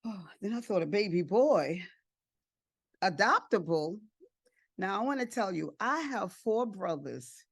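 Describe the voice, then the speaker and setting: Older lady telling her foster and adoption story, slow, heartfelt, dry close sound. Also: mid-range voice, lively intonation, breathy edge, no echo. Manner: heartfelt, repeats phrases for emphasis. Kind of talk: emotional personal testimony speech.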